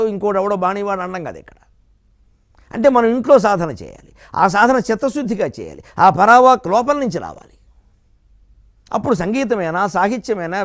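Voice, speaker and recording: Older male spiritual lecturer, slightly high voice; storytelling discourse with chanted verses. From Godavari region, Andhra Pradesh.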